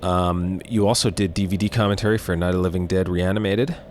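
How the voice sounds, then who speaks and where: A man with a low voice hosts a horror-themed interview show in a casual, appreciative way. His phrasing is hesitant and drawn out. Some faint noise sits in the recording. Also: steady tone, quick pace, darkish tone.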